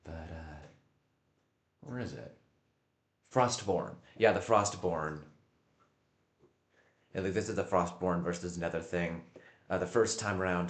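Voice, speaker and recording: A man livestreaming casual, rambling commentary, halting and often repeating himself as he searches for words. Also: low-pitched. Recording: echoey room.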